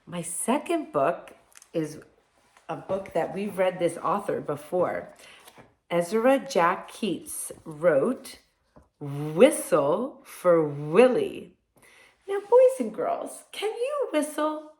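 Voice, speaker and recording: A woman hosting a read-aloud for young children like a kids' show host, talking straight to them in simple words and expressive questions. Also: fairly low pitch, slow. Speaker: kindergarten teacher reading picture books to children. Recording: echoey room sound.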